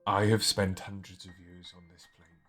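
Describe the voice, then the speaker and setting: A man's voice: low-pitched, flat delivery, moderate pace, a bit bright. A man voicing an ancient immortal figure in an online tabletop game, his words clipped by dropouts on the call. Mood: apologetic. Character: ancient male immortal, apologetic and formal. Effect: voice cutting out in dropouts over an online call. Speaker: game master. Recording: choppy online call with music behind.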